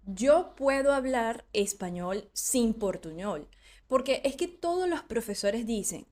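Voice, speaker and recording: A woman teacher talks students through a lesson in a fairly high voice. She explains patiently but with energy, asking herself rhetorical questions and playing out her learners' doubts. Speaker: Spanish teacher.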